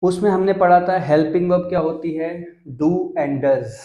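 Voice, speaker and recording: A man's voice: on the high side, moderate pace, mellow, reverberant, dull audio. A young Indian man teaching English grammar on a video channel, explaining step by step and mixing English terms into Hindi. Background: dogs barking.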